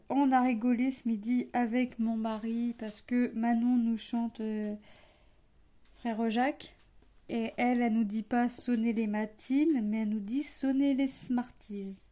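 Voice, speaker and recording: A woman talks in a relaxed, rambling way as she stitches, her voice a little high but warm and mellow. She drifts from one thought to the next, full of fillers and restarts. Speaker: cross-stitch vlogger, mother. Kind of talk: casual chat while stitching.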